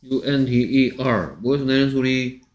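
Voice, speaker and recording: A man's voice: mid-range voice, slow pace, reverberant, lo-fi sound. A man teaching phonics one on one, repeating sounds and insisting that the student say them aloud. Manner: insistent, scolding and repetitive.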